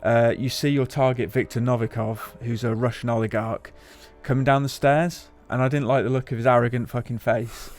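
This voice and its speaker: A man, co-hosting a casual chat over gameplay footage, relaxed and chatty with casual swearing. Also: mid-range voice, brisk, few pauses, faint music behind. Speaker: games journalist, co-host.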